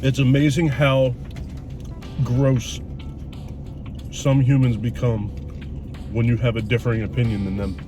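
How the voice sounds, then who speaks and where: A middle-aged man talks casually and candidly, as a vlogger would over a meal. His voice sits at an average pitch and his manner is blunt and reflective. He is recorded a little away from the mic in a car, with music behind him. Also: level tone, unhurried, pauses often, far from the mic. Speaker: YouTube vlogger. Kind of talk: casual, candid chat to camera and companion while eating.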